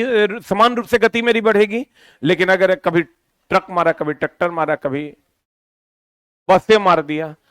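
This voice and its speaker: A man teaching a physics lesson, lively and constantly quizzing his students with repeated questions. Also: high voice, smooth, no room sound.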